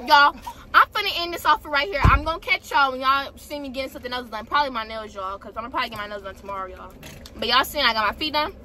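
A woman's voice: sits high, lively intonation, fast talker, bright, forceful tone. A teenage girl vlogging casually to the camera. She is chatty and keeps calling her viewers "y'all.". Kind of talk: casual vlog talk to camera.

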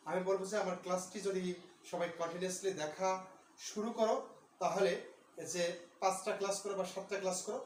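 A male teacher giving a slow, patient lecture, counting syllables aloud and pausing often with fillers. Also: high voice. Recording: echoey room from far off, faint noise.

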